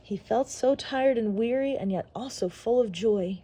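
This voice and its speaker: A woman reading a rhyming picture book aloud for children, with a steady storytelling rhythm. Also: a little high, normal speed, slightly rough. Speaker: storybook reader.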